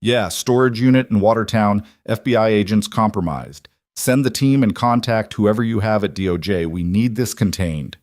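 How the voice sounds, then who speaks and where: A man's voice: lowish voice, moderate pace, hardly any pauses, darkish tone, no echo, studio quality, close to an everyday voice. A man voicing a cold, commanding male mafia boss in an audiobook, speaking in a controlled way.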